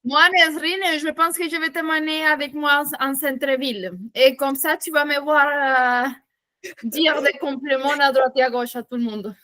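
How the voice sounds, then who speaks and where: A woman's voice: sits high, fairly even intonation, moderate pace, sharp tone. A woman from Latin America, speaking with a Latin American accent, talking hesitantly and self-consciously as a trainee in a casual group chat.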